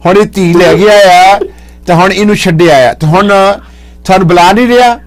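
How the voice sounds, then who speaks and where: A man's voice: high voice, moderate pace. A man hosting a radio call-in show, questioning the caller closely and slipping in English phrases. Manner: probing, mixes English phrases. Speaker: radio host.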